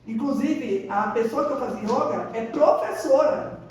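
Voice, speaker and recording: A woman's voice: on the high side, moderate pace, slight background noise. A woman, a podcast guest giving a casual faith testimony and acting out the quoted dialogue in her stories. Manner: animated storytelling, acts out quoted dialogue. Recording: echoey room, mic at a distance.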